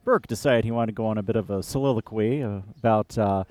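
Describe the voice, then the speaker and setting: A man co-hosting a casual politics podcast, talking in a relaxed, halting way with many fillers and restarts. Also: on the low side, no echo. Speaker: podcast co-host. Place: outdoor beer garden.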